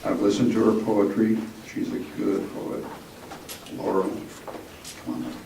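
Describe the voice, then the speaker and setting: An older man hosting a poetry event, reading his own poem in a slow, measured, plain way and then introducing the next poet. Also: fairly low pitch, little pitch movement, creaky, very noisy. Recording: roomy echo, mic far off.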